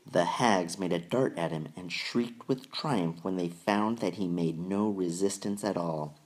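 Deep-voiced man reading a storybook aloud. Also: unhurried. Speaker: audiobook reader. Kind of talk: scripted narration.

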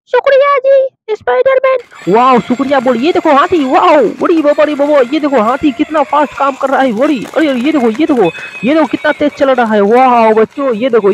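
A man with a very high voice narrates toy play for children, piling on excited exclamations and speaking straight to the kids. The recording is dull and lo-fi, with a dry, close sound. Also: no room sound. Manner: excitable, full of exclamations, addresses kids directly. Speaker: toy video host.

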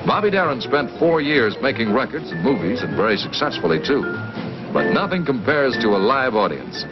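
A man's voice: mid-range voice, sing-song, moderate pace, dull audio, loud music behind the voice. A man narrating a 1960s newsreel in an upbeat showbiz voice-over, with the sound of an old newsreel.

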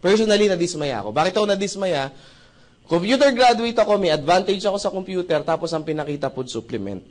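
High-voiced man telling his story. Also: quick pace. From Philippines. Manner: animated, acts out quotes, asks the audience "right?". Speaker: speaker giving a testimony to an audience. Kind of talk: storytelling talk to a live audience.

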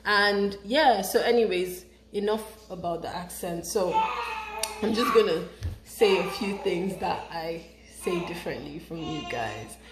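A young Nigerian woman speaks unhurriedly in a fairly low voice over loud music. Her accent is Nigerian English with a British tinge, and she vlogs casually to camera from her indoor kitchen, lively and talkative, gesturing as she goes. The camera sits close on the counter, and the room is echoey with faint ambience.

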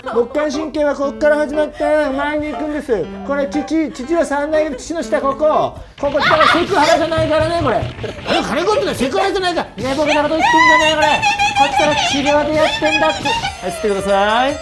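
A man working as a stretch trainer, talking a client through a hands-on session in a brisk, joking, coaching way. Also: very high voice, very animated. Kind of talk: hands-on treatment session, explaining. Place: treatment studio. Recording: background music under voice.

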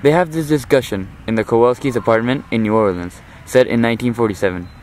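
A teenage boy delivers a prepared oral commentary for class, formal and analytical in tone. His voice sits in an ordinary middle pitch. A faint hum of traffic runs underneath. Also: fast, a little mellow, poor audio. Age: teens. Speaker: high school student.

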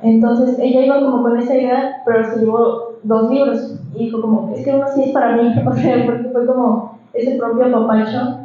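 A woman's voice: on the high side, moderate pace, slight background noise. Chatty woman in an echoey hall. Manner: lively, conversational, explanatory. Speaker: illustrator presenting a book. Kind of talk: book presentation talk. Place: large hall with a stage. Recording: echoey hall, muffled sound.

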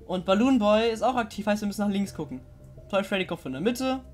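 A young woman streaming a horror game live, chatting with viewers, giggly and excitable, often laughing and shrieking. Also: medium pitch, fast, faint music behind. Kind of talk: live-stream gameplay commentary.

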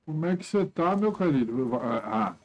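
Brincalhão brasileiro, narrando seu jogo. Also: male voice, fairly high pitch, normal speed, muffled recording. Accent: Brazilian Portuguese. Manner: jokey, teasing, animated banter. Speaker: streamer. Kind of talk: casual gaming chat with friends. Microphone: headset.

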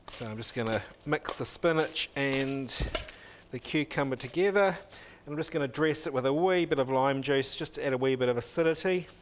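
On a lapel mic in a teaching kitchen, a middle-aged chef narrates his cooking one recipe step at a time for a cooking demonstration. His mid-range voice moves fairly quickly, and a little hiss or hum can be heard.

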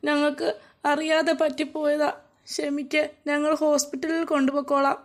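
A kind, remorseful wife who soothes a crying child, voiced by a cartoon actress. Her voice is high but oddly flat, hardly rising or falling. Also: a little fast, lightly acted. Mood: soothing. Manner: soothing, apologetic.

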